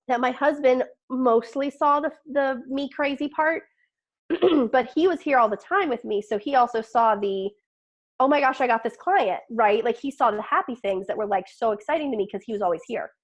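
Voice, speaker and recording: Chatty animated middle-aged woman. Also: fairly high pitch, moderate pace. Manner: chatty, animated, acts out quotes with laughs. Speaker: podcast guest, marketing business owner. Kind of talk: casual interview chat.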